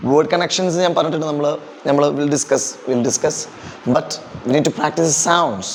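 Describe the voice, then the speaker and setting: A man in his thirties with a Kerala accent leads an animated classroom lesson. His voice sits a little high and he talks slowly, stopping often to have the class repeat phrases back to him. Faint background noise fills the room. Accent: Kerala English. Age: 30s. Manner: animated, drills pronunciation and asks the class to repeat. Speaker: English teacher training teachers. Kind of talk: classroom lesson, mixing Malayalam and English.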